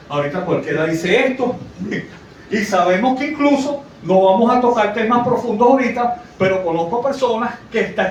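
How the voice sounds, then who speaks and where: A man preaching a sermon in a conversational way, often asking the congregation questions. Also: sits high. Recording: echoey, from far off, faint noise.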